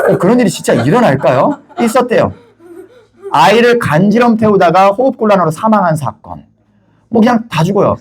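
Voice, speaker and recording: A man's voice: fairly high pitch, a little mellow. A man preaching a sermon as pastor of a Korean church, telling stories with wry humor and asking the congregation rhetorical questions.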